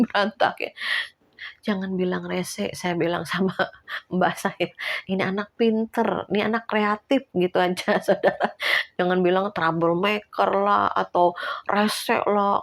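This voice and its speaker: An older woman preaching a sermon, earnest and exhorting, with folksy asides and frequent chuckles. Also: medium pitch.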